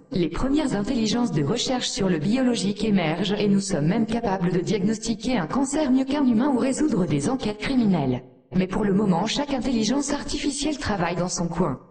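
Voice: mid-range voice, lively intonation, a little fast, darkish tone, close to an everyday voice. A performer voicing a sardonic female artificial intelligence that talks down to humans with cold contempt, in an echoey room. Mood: scornful.

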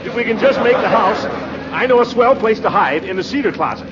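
A blustering pompous bachelor groom. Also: male voice, sits high, animated, fairly quick, highs cut off, over a noisy crowd. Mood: panicked. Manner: flustered, sputtering, whiny protests. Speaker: title character of a radio sitcom. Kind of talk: 1940s radio comedy acting. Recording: hissy 1940s radio recording.

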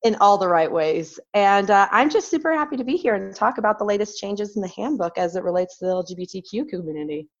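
A woman whose voice is hoarse and raspy from bronchitis talks as a guest in a loose, irreverent chat. She laughs easily between points, and the recording sounds dull and lo-fi. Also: medium pitch, animated, quick pace, hardly any pauses. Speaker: guest, philosopher. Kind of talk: casual conversation. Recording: dull lo-fi audio.

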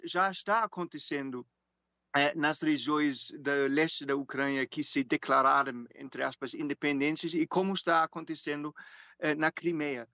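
A man from Germany speaking Portuguese as a second language with a German accent, giving expert interview commentary in halting phrases with repeated words, over an internet call. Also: on the high side, fairly bright tone, no room sound, muffled recording. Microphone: Skype call.

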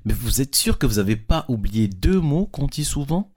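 A man's voice: mid-range voice, very animated, moderate pace, a little mellow, breathy edge. A man teaching a casual lesson to children on a handheld microphone, explaining patiently and often checking that they follow. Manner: patient, checks understanding with frequent questions.

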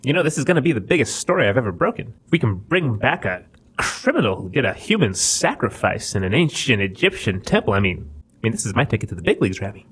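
A man's voice: medium pitch, big pitch swings, fast talker, a bit bright, breathy edge. A man playing a tabletop game, speaking eagerly in character. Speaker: player.

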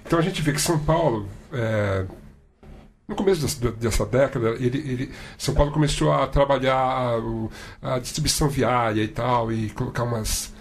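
A man's voice: mid-range voice, a little hiss or hum. A man from Brazil in a casual roundtable discussion, talking animatedly and mimicking other people.

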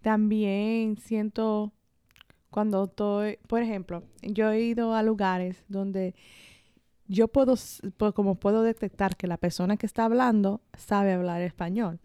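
A woman with a soft-edged, mellow voice talks in a casual, informal way. Her slips into Spanglish with small English words. The sound is dry and close, with no room around it. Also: medium pitch, fairly even intonation, measured pace, clear, resonant tone, dry recording. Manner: Spanish with bits of English mixed in, Spanglish; informal, colloquial with mild swearing. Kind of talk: casual chat.

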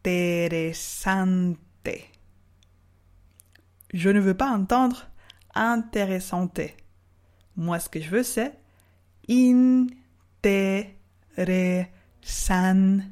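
On a podcast lesson, a woman with a medium-pitched voice teaches Spanish slowly. She carefully spells out and draws out model words for listeners to repeat.

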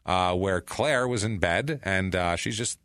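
A man's voice: low voice, unhurried, fairly bright tone, smooth, no echo, studio quality. A man co-hosting a podcast, casually telling a true-crime story with joking asides and the odd curse while reading out testimony. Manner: profane, joking, reads out testimony.

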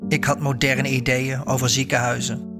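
A man reading a story aloud and voicing a sharp, proud old woman who owns a house, curt and shrill when angered. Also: level tone, moderate pace, loud music behind the voice, lightly acted. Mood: reminiscing.

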